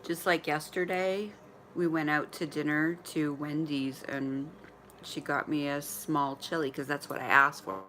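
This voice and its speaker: A woman's voice: low voice, fairly even intonation, a little slow, fairly bright tone, slight background noise. A woman in her forties chatting candidly on a livestream from her mother's apartment, often laughing and sometimes talking while eating. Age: 40s. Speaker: vlogger livestreaming to followers. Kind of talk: casual livestream chat.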